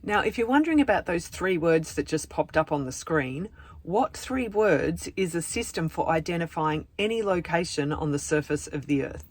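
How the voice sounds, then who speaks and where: A man giving a steady, scripted travel voice-over in an informative tour-guide manner. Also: on the high side, normal speed. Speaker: vlog narrator. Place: voice-over recording. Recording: voice over music bed. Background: clear background music.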